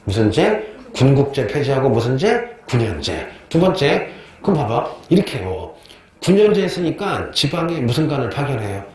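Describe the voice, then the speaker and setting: A man's voice: mid-range voice, sing-song, normal speed, darkish tone. A man teaching a history class, asking questions and answering them himself, repeating key terms and telling joking stories. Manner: chatty, tells joking anecdotes. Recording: very echoey classroom with faint noise.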